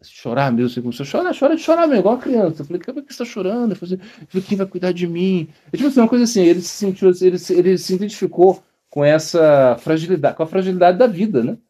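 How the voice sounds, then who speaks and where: A man's voice: high voice, very animated, rapid-fire, hardly any pauses, mellow, breathy edge. A man, a monk, giving an informal spiritual talk, telling rambling anecdotes and acting out the people he quotes, often laughing. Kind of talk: informal spoken discourse with anecdotes.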